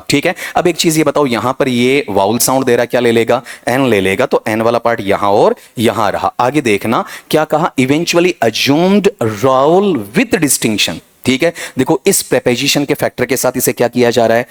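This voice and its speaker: A man teaching an English grammar lesson, quizzing his students and drilling pronunciation. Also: medium pitch. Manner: drilling, questioning students, calls them beta ji. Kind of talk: exam coaching lesson.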